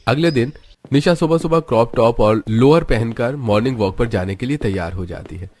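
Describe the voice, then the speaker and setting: A man narrating a family drama story in an even, storytelling way. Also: medium pitch, normal speed, a little hiss or hum.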